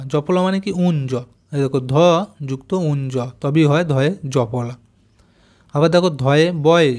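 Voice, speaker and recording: A man teaching young children a reading lesson, patiently spelling out joined letters and saying each word slowly. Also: on the high side, darkish tone. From West Bengal, India. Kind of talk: primary school reading lesson.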